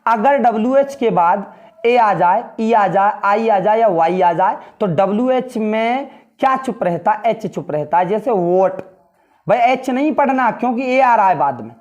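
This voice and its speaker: A man teaching English grammar in Hindi, explaining step by step and repeating key words, saying the English sentences slowly. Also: high voice, animated, highs cut off. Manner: often addresses students as brother. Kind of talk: classroom grammar lesson in Hindi.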